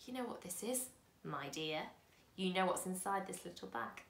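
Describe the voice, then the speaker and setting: A wizened, whiskered old man, put on by a woman reading aloud, speaks in a slow, creaky voice, dropping lower and into coaxing whispers. He sounds secretive and strange, a storybook stranger. The reading carries a roomy echo. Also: animated. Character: small, bald, whiskered, sly old man.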